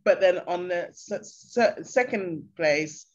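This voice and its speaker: Talking at a slow pace in a voice on the low side, an older English woman tells animated stories and mimics the local people in them. It's a casual chat in which she's the interview guest, speaking over a video call from a bright room at home. The audio sounds dull and lo-fi.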